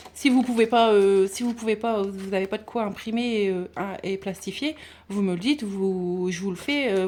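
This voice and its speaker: A woman vlogging casually about her budget binders, chatty and halting with many fillers and restarts. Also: medium pitch, darkish tone. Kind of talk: casual chat showing binders.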